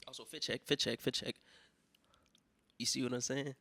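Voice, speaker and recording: A young American man hosting a podcast, telling rambling profane stories in a casual solo monologue, sick with a cough, with loud mock outbursts. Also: medium pitch, level tone, moderate pace, creaky, no room sound. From United States. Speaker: podcast host.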